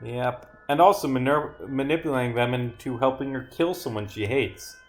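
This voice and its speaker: A man live-streams his own game with a mid-range voice at a moderate pace, reading the dialogue aloud and rambling as he thinks out loud. He swears now and then, and soft music plays in the background.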